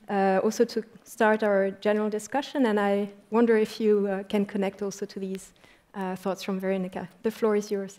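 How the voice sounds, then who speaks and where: A woman moderating a panel, thanking a speaker and handing the floor to the next, measured with some fillers. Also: medium pitch, warm tone.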